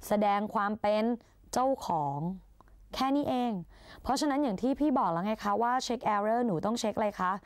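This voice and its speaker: A woman's voice: on the high side, dry recording, studio quality. Playful woman tutoring exam English. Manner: chatty and playful, calls herself big sister, coaxes students. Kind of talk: Thai exam-prep lesson.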